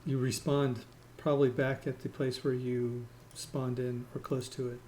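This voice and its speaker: A man's voice: medium pitch, little pitch movement, moderate pace, dark tone. Man explaining a game with fillers. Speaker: gamer explaining the game to friends. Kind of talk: casual voice-chat gameplay talk.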